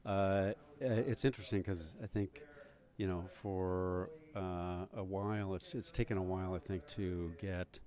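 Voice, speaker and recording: Deep-voiced man hosting a conference chat. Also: steady tone, unhurried, a little mellow. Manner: chatty, many fillers and restarts. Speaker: podcast host. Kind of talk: casual interview chat. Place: busy conference hall.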